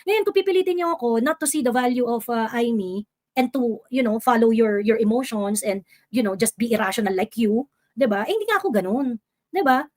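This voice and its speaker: A Filipino woman hosts a live stream, reading viewer comments and discussing politics in a slightly high, darkish voice with lively intonation and a fairly quick pace. She switches casually between Tagalog and English, uses many fillers, and grows increasingly exasperated, with frustrated asides.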